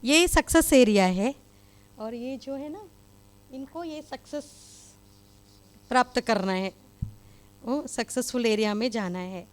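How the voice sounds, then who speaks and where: A woman's voice: fairly high pitch, animated, a little slow, pauses often. A woman spiritual speaker giving a conversational talk to a live audience, with many fillers. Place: meditation hall with live audience.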